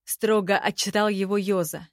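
A woman reads a fantasy story aloud in an even, steady manner. Her voice sits at a mid pitch. The recording is close and very dry. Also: moderate pace, no echo. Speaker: audiobook narrator. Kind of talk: scripted storybook narration.

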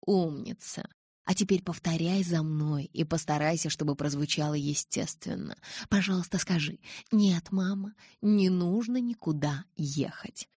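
A woman voicing a calm, mocking male kidnapper who gives orders in an audiobook. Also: sits low, normal speed, no echo. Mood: menacing. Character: menacing smooth-voiced male kidnapper. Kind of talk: audiobook character voice.

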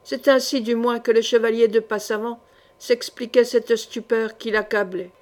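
Une femme narrant avec expression et mesure un roman historique en livre audio. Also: female voice, on the high side, steady tone, moderate pace, darkish tone. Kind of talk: scripted narration of a historical novel.

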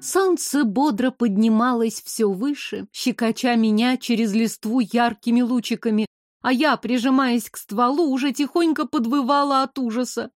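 A woman's voice: on the high side, moderate pace, no echo, soft background music. Woman narrating a novel, dry close sound. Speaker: audiobook narrator. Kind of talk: first-person novel narration.

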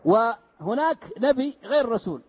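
A man's voice: extremely high pitch, very animated, moderate pace, husky. A man teaching a mosque lesson, explaining step by step and answering his own rhetorical questions. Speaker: sheikh teaching Quran commentary. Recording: dull lo-fi lesson recording.

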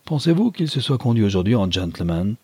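A man reading the part of a stiff, haughty English army captain who speaks coldly and condescendingly, in a low, husky voice. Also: very animated, fairly quick, a little mellow, no echo, full character voice. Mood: cold, superior. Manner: cold and condescending.

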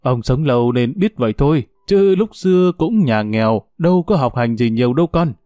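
A man voicing a wise, gentle old grandfather who explains things patiently. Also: mid-range voice, expressive, normal speed, no echo, clean studio sound, natural voice. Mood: patiently explaining.

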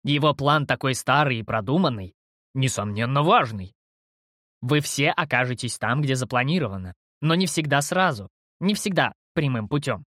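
A man voicing smug, eerie otherworldly beings who speak calmly and lazily with a mocking edge. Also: mid-range voice, moderate pace, no room sound, clean studio sound, lightly acted. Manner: calm, lazy, mocking.

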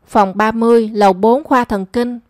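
A woman voicing a brisk, matter-of-fact young female friend. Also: a little high, steady tone, no room sound, studio quality, natural voice.

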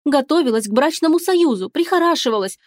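A woman's voice: on the high side, animated, brisk, no room sound, clean studio sound, close to an everyday voice. A woman voicing a feisty, theatrical young princess who exclaims and plays at tears, in an audiobook. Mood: mock-tearful. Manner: loud, exclaiming, mock-tearful. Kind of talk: audiobook character reading.

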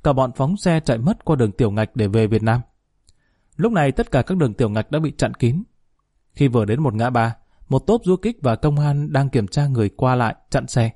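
A man reading a story aloud in a steady, even narrating voice. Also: mid-range voice, brisk, no echo, studio quality. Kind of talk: scripted narration.

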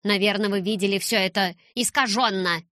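A woman's voice: medium pitch, brisk, pushed and bright, no room sound, lightly acted. A woman reading the lines of a stern older headmistress who doubts what she hears, in a dry, close recording. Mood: doubting. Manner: doubting, lecturing.

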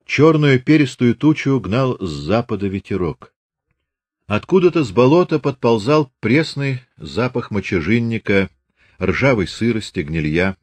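A man narrating a classic novel as an audiobook in a steady, measured reading. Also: fairly low pitch, no room sound. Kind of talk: scripted literary narration.

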